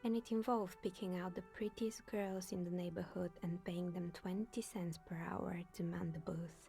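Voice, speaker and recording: A woman voicing a chatty older woman in a video game, telling local stories in a dry, wry, breathy way. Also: on the low side, steady tone, normal speed, mellow, soft background music. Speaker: game character. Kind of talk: voiced video game dialogue.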